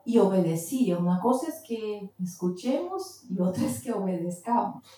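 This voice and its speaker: A woman delivers a sermon with a mellow, dark voice, pausing at times to hunt for a word. She stands well back from the mic, and her voice rings through a very echoey church hall. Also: mid-range voice, lively intonation, far from the mic. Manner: searches for words mid-sentence. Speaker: preacher. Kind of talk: sermon with told testimony.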